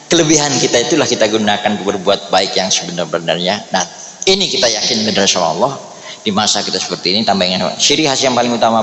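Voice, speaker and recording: Bright-voiced joking East Javanese preacher. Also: male voice, fairly low pitch. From Indonesia. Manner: joking, chatty, often adds "Pak" to address listeners. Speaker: Islamic preacher. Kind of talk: humorous Islamic study talk. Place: large echoey hall at an office. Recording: echoey hall with faint ambience.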